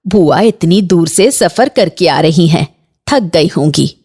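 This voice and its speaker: Woman doing a low, stern mother-in-law. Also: animated, a little mellow, slightly rough, full character voice. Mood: commanding. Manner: measured, commanding. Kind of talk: Hindi cartoon voice acting.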